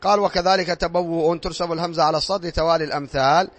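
A man's voice: fairly high pitch, fairly even intonation, rapid-fire. A man teaching a classroom grammar lesson, reading rules aloud, drilling examples and quizzing his pupils in a classroom. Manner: repetitive, drilling tone.

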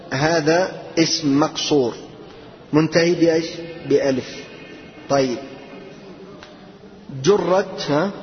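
Male teacher, high voice, quizzing students, repeating words slowly, muffled, reverberant classroom. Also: a little hiss or hum. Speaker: Arabic grammar teacher. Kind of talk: classroom grammar lesson with questions to students.

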